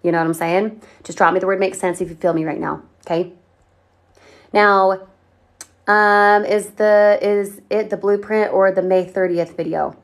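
A woman from Colorado hosting a livestream, giving an upbeat, persuasive sales pitch and answering viewers' comments directly. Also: fairly even intonation, normal speed. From Colorado, USA. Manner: upbeat, persuasive, talks straight to viewers and reads their comments. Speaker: online marketing livestream host.

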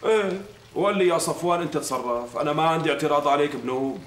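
Man playing a fast-talking sly Damascene schemer. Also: fairly high pitch, a little hiss or hum, natural voice. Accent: Damascene Arabic. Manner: brisk, self-assured, wheedling. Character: greedy, sly Damascene man after his in-laws' land. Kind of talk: TV period drama acting.

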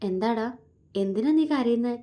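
A woman voicing a gentle young man. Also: fairly high pitch, unhurried, lightly acted. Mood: soothing. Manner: gentle, soothing, teasing. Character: caring young man comforting his beloved.

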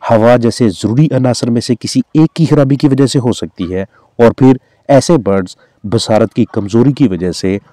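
A man's voice: mid-range voice, moderate pace, dry recording, studio quality. A man with a Pakistani Urdu accent, a veterinarian giving formal, instructive, scripted voice-over narration. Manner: formal, instructive, steady delivery.

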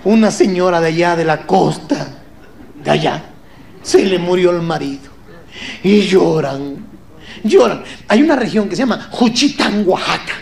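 A man with a Mexican accent doing live stand-up comedy, teasing the audience and breaking into shouted impressions. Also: sits high, expressive, a little slow, gravelly. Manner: rowdy, teasing crowd work, bursts of shouted impressions. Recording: live show with loud crowd and noise. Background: loud audience laughter.

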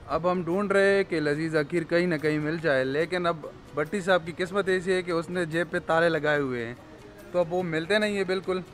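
A young man talking to a handheld phone, narrating a casual vlog from a car and a supermarket and teasing his friends along the way. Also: fairly high pitch. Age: young adult. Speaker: vlogger. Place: car, then large supermarket indoors. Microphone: handheld phone at arm's length. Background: background music.

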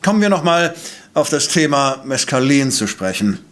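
An actor playing a coolly precise professor-detective in a radio play, questioning in a formal, probing way. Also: male voice, medium pitch, sing-song, moderate pace, fairly bright tone. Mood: insistent. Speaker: voice actor in audio drama.

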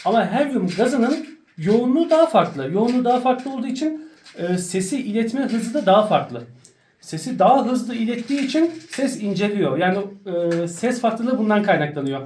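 A woman speaks at medium pitch in a casual, explanatory vlog style. The recording is roomy and slightly distant, with faint noise in the background. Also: lively intonation, fairly quick, a little mellow. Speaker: vlogger.

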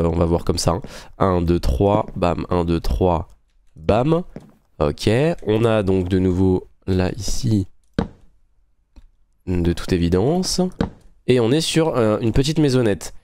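A man's voice: fairly low pitch, darkish tone, slight background noise. A man hosting a gaming channel, chatting casually and thinking aloud to his viewers as he builds in a game. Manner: friendly, addresses viewers directly. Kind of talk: casual gameplay commentary.

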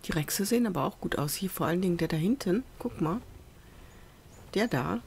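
A woman at her computer at home, talking through a survival game in relaxed, rambling commentary. She mutters to herself and coaxes the animals on screen, speaking into a USB desk microphone. A faint hum of noise sits behind her voice. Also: lowish voice, a little fast, creaky. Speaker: let's play gamer. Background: faint festival noise from outside.

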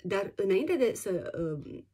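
Husky woman telling a faith story. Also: mid-range voice. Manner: animated storytelling, many fillers and restarts. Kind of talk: casual personal testimony.

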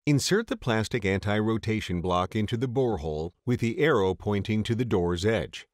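Male narrator, lowish voice, dry booth sound, calm measured instructional read. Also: dry recording. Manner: steady, measured reading of steps. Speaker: tutorial narrator. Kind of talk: scripted instructional voice-over.

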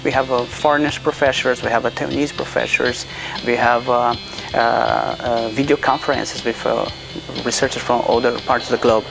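A Brazilian doctoral student in his thirties speaks earnestly in an interview testimonial, hesitating frequently. His mid-range, gravelly voice holds a flat pitch at a moderate pace, over a music bed, and the audio quality is poor.

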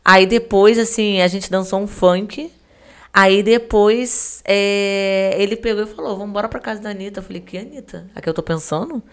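A woman's voice: medium pitch, moderate pace, clear, resonant tone. A woman guest on a podcast, casually telling a story in a chatty, slangy way and acting out the quoted dialogue. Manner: heavy slang and fillers.

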